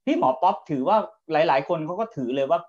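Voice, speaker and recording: A man's voice: fairly high pitch, very animated, quick pace. Hesitant man on dull lo-fi audio. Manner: hesitant, repeats words as he thinks. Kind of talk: panel talk.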